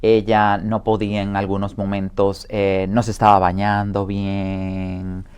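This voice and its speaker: A man in his forties from the Dominican Republic, a guest in an interview. His voice sits low, and he talks hesitantly, often pausing on fillers as he remembers. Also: completely flat delivery, darkish tone, clean tone. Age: 40s. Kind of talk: interview testimony.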